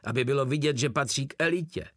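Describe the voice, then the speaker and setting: A man voicing a greedy, crude soldier who talks loud and coarse. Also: mid-range voice, no room sound, studio quality, close to an everyday voice. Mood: eager.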